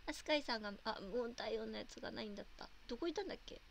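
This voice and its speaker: A woman's voice: fairly high pitch, expressive, very fast, creaky, a little hiss or hum. A young woman from Japan chatting casually on a livestream, reading viewer comments and giggling often.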